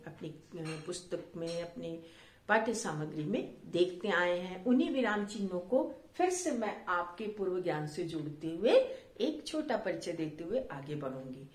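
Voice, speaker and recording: A middle-aged woman teaching a grammar lesson to children, speaking slowly and deliberately with frequent pauses and fillers. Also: on the low side, lively intonation, roomy sound. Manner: acts out example sentences with exclamations.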